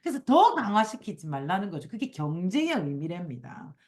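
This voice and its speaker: A woman's voice: on the low side, moderate pace. A woman hosting a casual book discussion, reading passages aloud and acting out quoted complaints. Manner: animated, acts out quoted complaints in a raised voice. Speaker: book club host.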